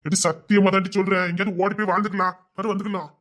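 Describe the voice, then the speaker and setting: Brief: a man as a lovesick youth with a lilt, high voice, rapid patter, fretful and pleading. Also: flat delivery, fairly bright tone. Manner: fretful rambling inner monologue, then pleading. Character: lovesick young village man, restless, scheming to elope. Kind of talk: audio love-story drama.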